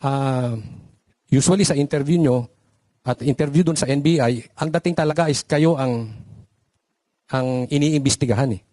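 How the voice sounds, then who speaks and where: A man's voice: mid-range voice, moderate pace, dark tone, no echo, clean studio sound. A man, a vlogger who gives probing, lecturing commentary in an interview. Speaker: vlogger guest and coach.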